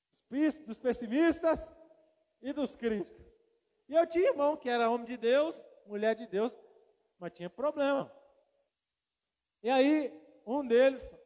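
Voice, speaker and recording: A male pastor with a very high voice tells a funny story in his sermon. He acts out each line of dialogue with lively energy. His voice rings out with a long reverb through a large church hall. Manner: animated storyteller acting out dialogue.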